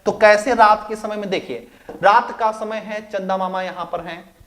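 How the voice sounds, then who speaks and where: A man's voice: sits high, steady tone, moderate pace, a bit bright. A male physics teacher giving a recorded lecture, asking rhetorical questions, answering them himself and repeating key phrases.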